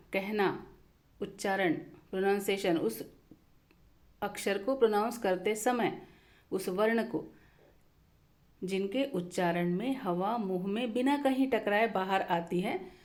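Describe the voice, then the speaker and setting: Slow, patient woman teaching a lesson. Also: medium pitch, darkish tone. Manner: repeats definitions slowly, mixes in English terms.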